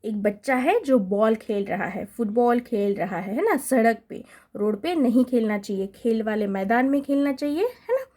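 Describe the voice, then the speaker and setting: A woman teaching young children a Hindi lesson, reciting syllables and words slowly and checking in with them often. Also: on the high side, lively intonation, dark tone. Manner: repetitive, checks in with "है ना?" and "ठीक है?". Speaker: primary school Hindi teacher. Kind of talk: slow classroom recitation.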